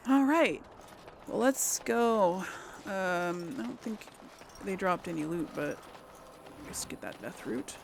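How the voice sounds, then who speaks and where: In an animated but creaky mid-range voice, a woman gamer slowly narrates her moves, leaving long pauses between thoughts. There's a little hiss or hum on the recording, with video game music playing underneath.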